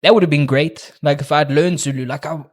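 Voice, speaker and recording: A man's voice: fairly high pitch, fairly even intonation, fairly quick. A young South African man, a podcast guest, chatting casually with frequent restarts and joking asides. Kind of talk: casual interview chat.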